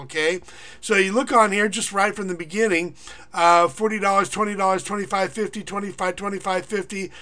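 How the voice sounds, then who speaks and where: A middle-aged man with a high, bright voice walks viewers through a money-making pitch. He rambles and hesitates, full of uhs and restarts. He rattles off long lists of payment figures. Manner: rambling, filler-heavy, reads figures off in a quick list. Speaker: online income marketer and teacher. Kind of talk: casual screen-recorded pitch.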